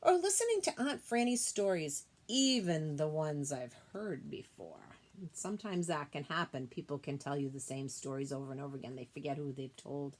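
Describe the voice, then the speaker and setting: This woman's voice sits low, with lively intonation, as she reads a children's picture book aloud like a teacher. She reads with expression and breaks off to explain things simply and gently for the little ones listening.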